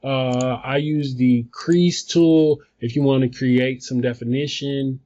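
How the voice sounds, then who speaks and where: Man, casual tutorial presenter, informal rambling delivery, average pitch, muffled lo-fi phone sound, away from the mic. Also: fairly even intonation, slow, mellow, a little hiss or hum. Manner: informal, rambling, thinking aloud. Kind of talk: casual off-the-cuff software tutorial. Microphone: phone, some distance away. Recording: dull phone recording, distant from mic.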